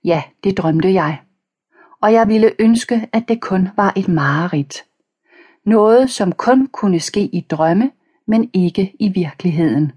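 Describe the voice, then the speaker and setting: A woman narrating a children's audiobook in the first person, calm and even, reading page numbers aloud. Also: medium pitch, slightly rough. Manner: reads page numbers aloud between passages.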